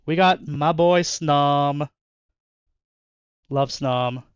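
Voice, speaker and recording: A man's voice: on the high side, drawn-out words, clear, resonant tone, no echo, highs cut off. A young man chatting casually and joking with viewers while opening card packs in his bedroom, laughing often. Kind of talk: casual chat with live chat. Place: bedroom at home.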